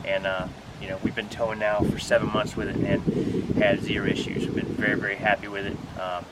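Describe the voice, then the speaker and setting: A man with a fairly low voice talks casually to camera as an RV vlogger. He is informal and plain-spoken, walking viewers through gear step by step. The recording is made outdoors, with clear wind and vehicle noise behind him. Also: level tone, fairly quick. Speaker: RV vlogger giving a product walkthrough. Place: outdoors beside a pickup truck bed.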